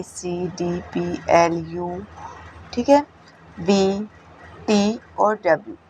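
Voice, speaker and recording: Lady teacher going slow thru a lesson, keeps saying ok, little bit of noise behind. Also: mid-range voice, poor audio. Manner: slow, with repeated checks like "theek hai". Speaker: English teacher. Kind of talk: explaining a classroom lesson.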